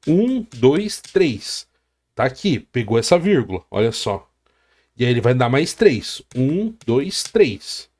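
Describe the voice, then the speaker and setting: A man's voice: medium pitch, sing-song, takes it slowly, a little mellow. A man with a Brazilian Portuguese accent teaching a coding lesson, explaining step by step and often checking in with the listener. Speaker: programming teacher. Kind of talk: screen-recorded coding lesson.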